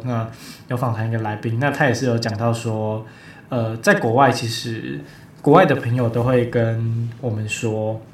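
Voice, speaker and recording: Hesitant male host, roomy sound. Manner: hesitant, many fillers and restarts. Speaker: podcast host. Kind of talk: casual interview chat. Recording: roomy echo, faint rumble.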